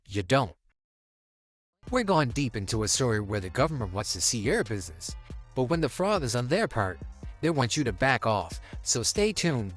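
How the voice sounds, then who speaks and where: An American man delivers exposé commentary with a very lively, swooping pitch. He talks in folksy slang and keeps teasing what comes next, dramatic and suspenseful, over background music. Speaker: commentary video host.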